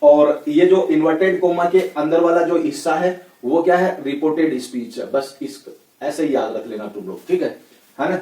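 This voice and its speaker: A man with a Rajasthani Hindi accent and a warm, somewhat high voice teaches English grammar at a moderate pace in a casual classroom lecture. He's chatty, constantly checking in with "okay, right?" and repeating "ठीक है, है ना." The room is echoey, and he sounds a bit far from the mic.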